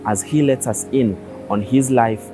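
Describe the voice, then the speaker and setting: A man's voice: mid-range voice, unhurried, over music, rough recording. A man presenting a news feature and interviewing a grieving father, formal in his intro and brief in his prompts.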